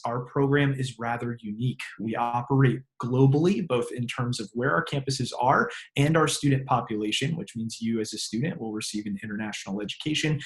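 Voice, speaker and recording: A man hosting an online open house on a video call, reading scripted introductions with small slips. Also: medium pitch. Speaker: host. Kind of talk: webinar hosting.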